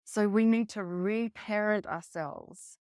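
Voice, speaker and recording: A woman coach giving an earnest teaching talk on emotional self-care, speaking slowly and deliberately and swearing now and then. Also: mid-range voice, a little mellow, smooth, dry recording, studio quality. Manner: earnest, slow and deliberate, acts out quoted voices, swears casually. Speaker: relationship coach.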